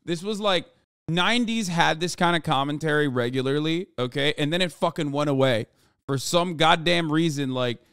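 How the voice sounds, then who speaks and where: Heated streamer man, smooth voice. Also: a little high, normal speed, fairly bright tone, no echo, studio quality. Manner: heated, profane, self-correcting. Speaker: streamer reacting to a clip. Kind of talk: casual commentary.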